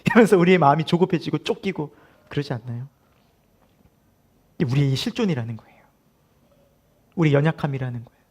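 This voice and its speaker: A man's voice: a little high, animated, fairly quick, pauses often, darkish tone, husky. A male pastor preaching a sermon at a midweek prayer service. He asks the congregation questions, laughs often and acts out the voices he quotes.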